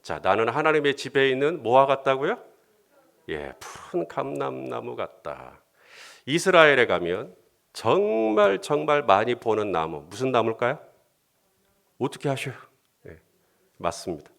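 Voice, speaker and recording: A male pastor preaching in a casual, conversational way. His voice swings widely in pitch and becomes more heated when he voices prayers. He sits at an ordinary pitch for a man. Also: very animated, a little slow, vocal fry, pauses often, a bit bright. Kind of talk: sermon.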